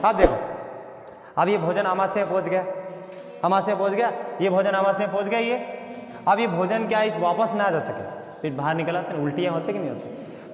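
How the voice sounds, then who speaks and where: A man's voice: high-pitched, fairly bright tone. A male biology teacher, lecturing in a call-and-response way. He asks each question again and again, then gives the answer himself. The sound rings with a long, roomy reverb. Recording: echoey, reverberant room.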